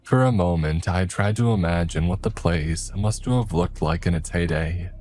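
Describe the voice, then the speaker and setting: A man narrating a first-person horror story in a measured, steady way. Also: low-pitched, slight background noise.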